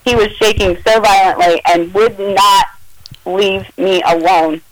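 Her voice mid-range and steady, a caller speaks a little slowly as she recounts an incident. She is emotional and agitated, performing the quoted exchanges from a confrontation, and the recording quality is low.

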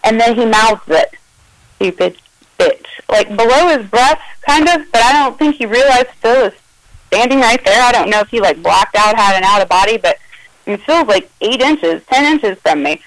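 A woman's voice: a little high, lively intonation, moderate pace, no echo, rough recording. A woman telling an emotional, agitated first-person account of a confrontation, acting out the quoted dialogue. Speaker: caller recounting an incident.

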